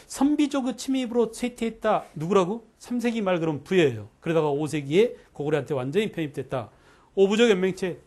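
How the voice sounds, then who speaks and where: A man teaching an exam-prep history lecture, animated, constantly checking in with students through quick questions. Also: high-pitched. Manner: animated, asks the class frequent quick questions.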